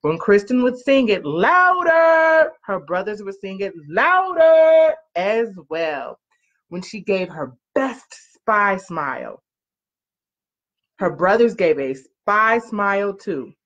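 She has a mid-range, a bit bright voice and reads slowly but very animatedly, like a parent sharing a picture book with kids. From a small living-room couch she stretches important words and prompts the children with questions, captured as muffled lo-fi audio by a webcam or laptop mic at arm's length.

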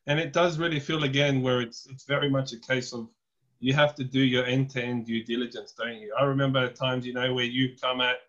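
A man's voice: medium pitch, little pitch movement, a little fast, fairly bright tone, lo-fi sound. A man in his thirties moderating a webinar panel over a video call, handing questions to the guests in a conversational way.

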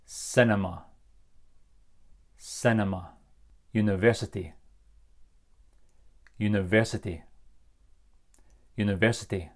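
A man's voice: fairly low pitch, steady tone, takes it slowly, long pauses. A man from Britain, a native English speaker, teaching vocabulary in Japanese and repeating each word three times.

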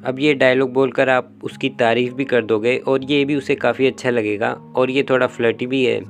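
A young man talks straight to camera in a casual, instructive tone, walking through sample lines and playing both sides of each conversation. His voice sits at an ordinary middle pitch, and faint music runs quietly behind him. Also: flat delivery, normal speed. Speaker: YouTube dating-tips host. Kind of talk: casual explainer vlog.

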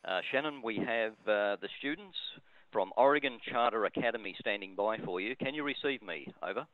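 A low-voiced man runs a ham radio contact with formal, repetitive procedure. He talks quickly over a phone-like line. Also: slight background noise. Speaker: amateur radio operator moderating a contact. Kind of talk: ham radio calling and relaying.

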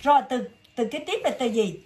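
A woman with a Southern Vietnamese accent tutoring English vocabulary one-on-one, patiently drawing words out slowly and repeating them. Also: high voice, big pitch swings, a little mellow.

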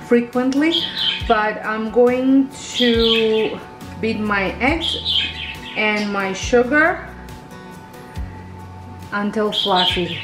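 In her home kitchen, a medium-pitched woman hosts a baking video, chatting through each step in a relaxed way and making small corrections to herself as she goes.

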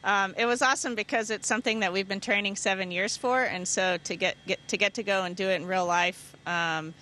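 A woman's voice: medium pitch, fairly even intonation, brisk, pushed and bright. An American woman astronaut from Houston giving casual interview answers into a handheld microphone. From Houston, United States. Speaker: astronaut, flight engineer. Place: inside a space station module. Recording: clear equipment noise behind voice.

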